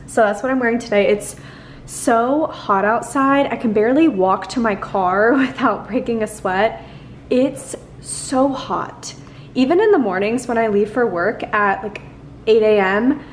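A woman in her twenties chatting casually to camera in her apartment kitchen, relaxed and full of fillers, talking into a handheld camera. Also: a little high, a little hiss or hum. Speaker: lifestyle vlogger. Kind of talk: casual vlog chat. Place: modern apartment kitchen, indoors. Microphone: handheld camera filming in a mirror or at arm's length.

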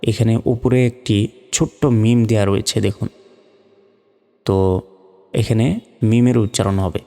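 Patient man teaching slow spelled-out recitation. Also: lowish voice, steady tone, dark tone, in a large hall, soft background music. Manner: patient, spells out syllables slowly and drawn out. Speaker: Quran reading teacher. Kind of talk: step-by-step spelling lesson.

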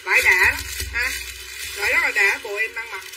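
A woman's voice: fairly high pitch, brisk, distant mic. A woman selling clothes on a livestream, chattering in a repetitive hard-sell patter and calling buyers by name. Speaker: online clothing seller. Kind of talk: livestream sales pitch. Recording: voice a bit off-mic with faint room noise.

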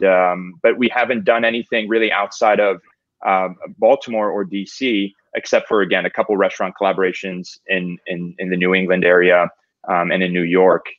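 A man's voice: low voice, dry recording, lo-fi sound. A man talking on a video call as a barbecue restaurant guest, hesitant and full of fillers. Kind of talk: casual video-call chat.

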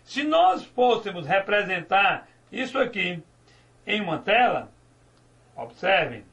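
High gravelly male teacher. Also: sing-song, takes it slowly, a bit bright. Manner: didactic, asks and answers his own questions, stretches key words. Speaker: Portuguese teacher. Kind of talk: recorded grammar lecture.

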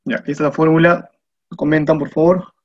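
A man's voice: fairly high pitch, steady tone, a little fast. A man with a Peruvian Spanish accent teaching a spreadsheet class as a screen tutorial, patiently talking through each step and often checking in with his viewers. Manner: patient step-by-step explaining, asks "¿no?" and "mira" often. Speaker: spreadsheet instructor. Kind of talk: screen-recorded software tutorial. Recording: muffled lo-fi voice recording.

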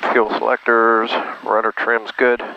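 A man's voice: medium pitch, monotone, unhurried, gravelly. A man piloting a plane, talking through checklist items in short phrases on his cockpit headset intercom. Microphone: headset boom mic. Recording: dull lo-fi cockpit intercom with faint noise.

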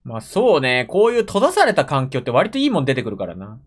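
His mid-range voice swings hugely in pitch, fast and with a breathy edge. The young Japanese anime reaction streamer sits in a gaming chair at home, muttering casual commentary and exclaiming often as he watches, captured by a desk mic.

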